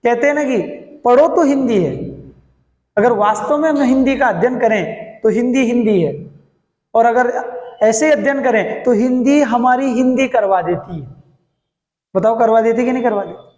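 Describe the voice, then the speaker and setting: A male Hindi teacher teaching verse meter, who recites lines slowly, then explains quickly and keeps asking his students questions. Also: extremely high pitch, a little mellow, dull audio. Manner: quizzes students with questions, then answers himself. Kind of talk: classroom lesson on poetic meter. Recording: echoey hall.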